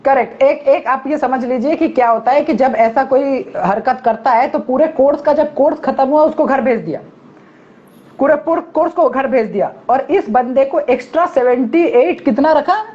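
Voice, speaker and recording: A man hosting a casual chat, telling an anecdote in a lively way and acting out what people said. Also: very high-pitched, normal speed. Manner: animated anecdote telling, acts out quotes. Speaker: host. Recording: dull lo-fi sound.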